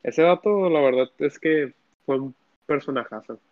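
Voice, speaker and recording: A man's voice: mid-range voice, moderate pace, crowd noise. A young man, co-hosting a casual podcast, rambling through long recaps with frequent restarts. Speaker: podcast co-host. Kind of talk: casual chat. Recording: dry, dull lo-fi sound.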